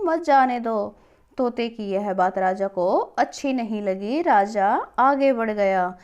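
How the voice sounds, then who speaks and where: Slow, patient woman teaching young children. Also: fairly high pitch, a little mellow. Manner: repeats answers and questions back to the class. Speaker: primary school teacher.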